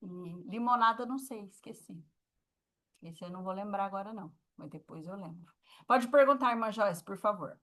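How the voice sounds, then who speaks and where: A Brazilian-accented woman teaching a class in a patient, explanatory way, pausing often to make sure her students follow. Her voice sits at a middle pitch and sounds plain, with nothing unusual in its tone. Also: a bit bright. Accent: Brazilian Portuguese. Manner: patient, explaining, with frequent check-ins. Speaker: sign language teacher.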